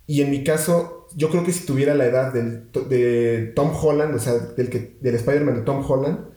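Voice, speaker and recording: Mellow-voiced young man in an echoey room. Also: mid-range voice, normal speed. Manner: rambling, many restarts and fillers. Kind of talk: casual chat.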